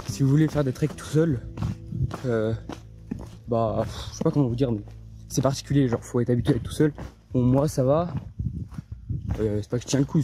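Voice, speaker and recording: A young man vlogging while hiking alone on a mountain trail, talking into his phone in a rambling, hesitant way with many fillers, tired and low on spirits. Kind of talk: casual vlog to camera while trekking.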